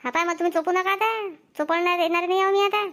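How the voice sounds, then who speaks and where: A woman's voice: extremely high pitch, steady tone, fast talker, fairly bright tone. A woman voicing an angry, stubborn young daughter-in-law who scolds and quarrels in a cartoon comedy. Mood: scolding.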